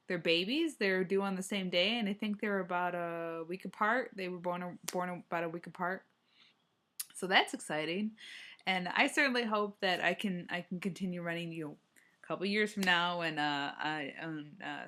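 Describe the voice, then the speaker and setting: A woman's voice: on the low side, fairly bright tone. A young adult woman chatting casually on a solo running vlog, rambling and hesitant, often restarting her sentences. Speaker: running vlogger.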